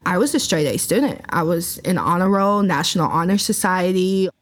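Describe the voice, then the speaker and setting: A woman's voice: fairly low pitch, lively intonation, moderate pace. A woman with a Midwestern American accent, a labor organizer who speaks earnestly and with feeling as she reflects on her life. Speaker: labor organizer, former fast-food worker. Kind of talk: interview storytelling.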